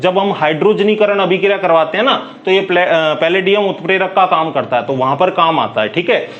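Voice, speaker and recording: Brisk man teaching chemistry, high-pitched. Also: fairly bright tone, muffled recording. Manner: asks quick questions and answers them himself, coaxing; calls listeners "bhai", brisk and chatty. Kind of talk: classroom lecture.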